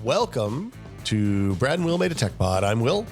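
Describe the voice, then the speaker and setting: Over loud music, a man co-hosting a casual tech podcast rambles with many restarts and fillers, sounding scratchy from a summer cold. His voice is medium in pitch with big swings, at a moderate pace.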